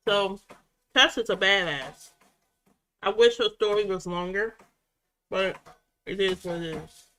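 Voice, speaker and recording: Speaking at a measured pace in a mid-range, slightly bright voice, a woman recaps a show from home for her reaction vlog. Her casual chat rambles along, full of restarts and fillers.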